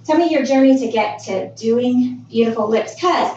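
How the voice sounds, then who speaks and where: Female podcast host, higher register, chatty interviewing, roomy distant sound. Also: normal speed, dark tone. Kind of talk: conversational interview hosting. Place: indoors at a med spa. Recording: echoey room, distant dull mic, faint noise.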